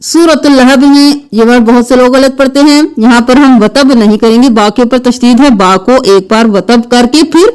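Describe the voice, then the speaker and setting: A woman teaching tajweed, who gives quick explanations and then chants the verses slowly and melodically. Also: on the high side, darkish tone, smooth. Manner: quick explanations alternating with slow drawn-out melodic recitation. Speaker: Quran recitation teacher. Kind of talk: tajweed lesson with slow chanted recitation.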